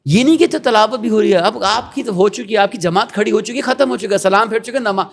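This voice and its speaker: A middle-aged man with a Pakistani accent talks in a fairly high voice. He holds forth in an earnest, preachy way and keeps acting out what other people say. The delivery is conversational, as a guest in an interview. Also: vocal fry. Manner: earnest, preachy storytelling with quoted asides. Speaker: guest, education founder.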